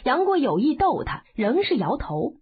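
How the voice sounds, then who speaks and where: Lively high-voiced woman narrating a story. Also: normal speed. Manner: expressive, dramatic. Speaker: audiobook narrator. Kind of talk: storytelling narration of a martial arts novel. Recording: phone-like narrow band.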